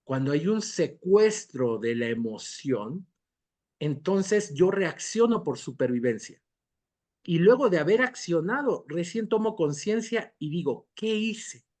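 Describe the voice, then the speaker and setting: A male doctor answering interview questions at a slow, unhurried pace, calm and lecturing. His voice sits fairly high for a man, and he slips into little acted dialogues to illustrate his points. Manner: calm, lecturing, acts out dialogue when giving examples. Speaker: doctor, guest expert.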